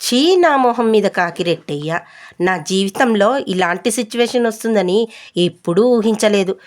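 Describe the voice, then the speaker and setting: A woman's voice: mid-range voice, expressive, moderate pace, close to an everyday voice. A woman voicing an exasperated middle-aged husband who grumbles about his in-laws in a storybook tale. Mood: grumbling. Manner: grumbling, protesting.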